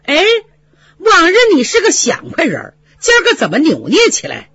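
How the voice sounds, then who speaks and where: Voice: high voice, huge pitch swings, moderate pace, sharp tone, dry recording, voice pushed up, exaggerated voice. A storyteller voicing an anxious older noblewoman who coaxes and grows impatient. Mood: coaxing. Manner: coaxing, impatient. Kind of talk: storytelling with voiced characters. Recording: dry, slightly dull lo-fi recording.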